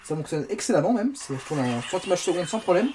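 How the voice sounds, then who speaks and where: A man's voice: high-pitched, big pitch swings, fast, over music. A man reviewing a phone, chatting casually while he plays games on it, with self-mocking asides. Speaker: tech reviewer. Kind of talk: casual game-testing commentary. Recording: faint background noise.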